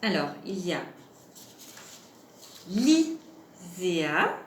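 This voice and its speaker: A woman teaching young children a home lesson, slow and patient, asking questions and stretching out syllables. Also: mid-range voice, expressive, roomy sound, a little hiss or hum. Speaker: preschool teacher.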